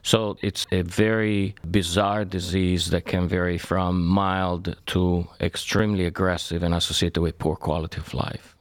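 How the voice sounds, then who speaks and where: A man from Italy, a surgeon and researcher, giving measured, formal explanations as a podcast guest. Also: low voice, little pitch movement, no echo, studio quality. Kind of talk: podcast interview.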